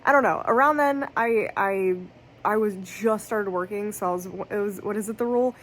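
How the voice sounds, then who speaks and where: A woman in her thirties talks about books at a normal speed and medium pitch in a casual, rambling vlog. She sounds tired and congested, often self-correcting and dropping "like" as a filler. It's a lo-fi phone clip with faint background noise.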